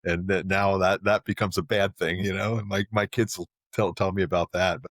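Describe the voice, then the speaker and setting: Man, middle-aged, podcast guest, rambling, low voice, dry close sound. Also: moderate pace, no room sound. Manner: rambling, restarts often, animated when explaining. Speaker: podcast guest, marketing agency president. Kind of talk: casual interview talk.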